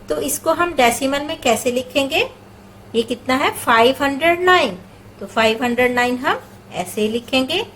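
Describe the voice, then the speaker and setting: High-voiced woman explaining math step by step. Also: slight background noise, poor audio. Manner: patient, asks questions and answers them herself. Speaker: math teacher.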